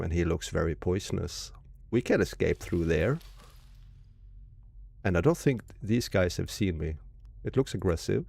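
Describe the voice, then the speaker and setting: A man's voice: deep voice, gravelly, a little mellow, husky, no echo. A man from Norway, casually commenting on a live game stream and reading game text aloud. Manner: reads game text aloud, muses to chat.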